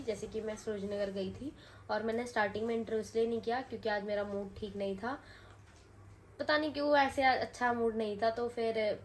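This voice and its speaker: Young woman vlogging, telling a story, chatty and animated, lots of fillers. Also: mid-range voice, a little hiss or hum. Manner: animated retelling, voices rising when quoting others; chatty, many fillers and restarts. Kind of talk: casual storytelling vlog.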